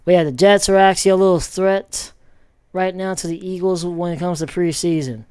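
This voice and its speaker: A man casually rambling through football commentary with many pauses and restarts. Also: high-pitched, steady tone, a little mellow, clean tone, dry recording. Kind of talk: casual sports commentary vlog.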